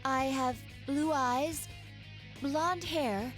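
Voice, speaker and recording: A man's voice: extremely high pitch, extremely slow, fairly bright tone, soft background music, pitched above the performer's own voice, heavily acted. A man voicing a polite, formal female android schoolgirl in a raised voice. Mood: calm polite.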